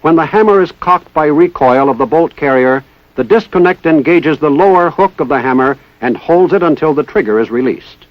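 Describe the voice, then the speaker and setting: With lively intonation and a moderate pace, a slightly high-voiced American man reads instructional narration like that of a 1960s military training film. His delivery is formal, precise and methodical. No echo is present, and the audio resembles a dull lo-fi 1960s film soundtrack.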